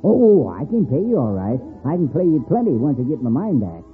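An actor playing a grizzled old gold prospector who chuckles, stammers and talks in a folksy drawl, in a radio drama. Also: male voice, medium pitch, sing-song, fairly quick, soft background music, lightly acted. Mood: eager. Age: older. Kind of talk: 1950s radio drama acting. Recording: tinny old radio broadcast with faint hiss.

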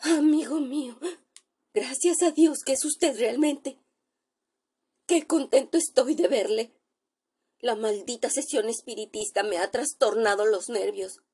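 A woman's voice: on the high side, unhurried, pauses often, mellow, breathy edge. A woman voicing a terrified young male doctor who trembles and gasps out panicked, pleading exclamations in a spoken storybook.

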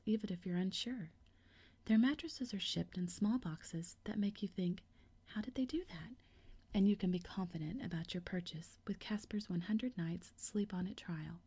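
A woman reading a sponsor message in a soft, even whisper for an ASMR video. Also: lowish voice, slightly rough. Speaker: sponsor read for an ASMR channel. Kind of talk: whispered ad read.

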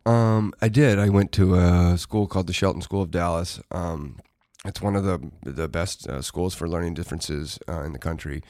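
A middle-aged man speaks in a very deep voice, hesitant and soft-spoken. He fills his thoughts with pauses and restarts. The sound is dry and close. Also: no room sound. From Texas. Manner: halting, soft-spoken, many fillers and restarts. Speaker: actor guest. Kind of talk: casual interview chat.

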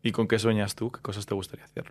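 Male podcast host, low voice, relaxed teasing questions. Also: rapid-fire. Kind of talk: casual podcast interview.

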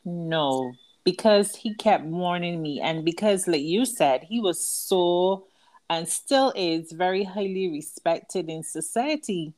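A woman's voice: on the low side, takes it slowly, a little mellow. A woman with a Barbadian accent, a book author telling her life story earnestly as a guest in an interview. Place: outdoors at night with crickets. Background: crickets.

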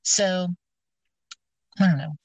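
A woman's voice: lowish voice, slow pace, darkish tone, slightly rough, no echo. A woman with a scratchy voice chatting casually, rambling and hesitant with many fillers and restarts. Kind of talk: casual chat. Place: outdoors, near her car.

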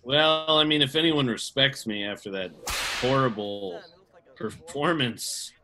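A man's voice: mid-range voice, measured pace, background noise. A man improvising at a mock press conference, ranting and swearing in a jokey way. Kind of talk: improv comedy.

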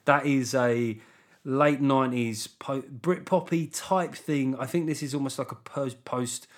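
A man's voice: mid-range voice, fairly even intonation, measured pace. A man hosting a solo comic podcast, talking in a sarcastic, rambling, self-mocking way. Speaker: comedian and podcast host.

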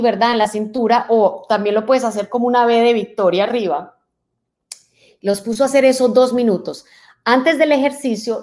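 A woman motivational speaker giving a talk to an audience, lively and full of rhetorical questions. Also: mid-range voice.

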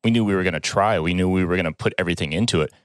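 A man's voice: low voice, rapid-fire, dry recording, studio quality. A man co-hosting a podcast, talking reflectively in a casual chat. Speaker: podcast co-host.

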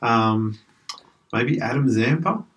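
A man's voice: mid-range voice, slow, fairly bright tone, dull audio, slight background noise. An Australian man co-hosting a casual cricket podcast, talking in a laid-back, agreeable way. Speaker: podcast co-host. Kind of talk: casual chat. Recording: slightly distant mic.

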